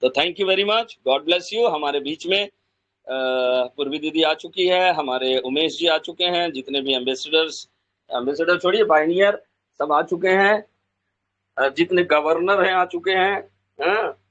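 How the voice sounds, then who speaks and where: A man delivering a fervent, emotional address to his followers, repeating his points and swinging from loud emphatic bursts to slow drawn-out lines. His voice sits a little high for a man. The recording is dull and lo-fi. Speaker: speaker addressing Pi pioneers.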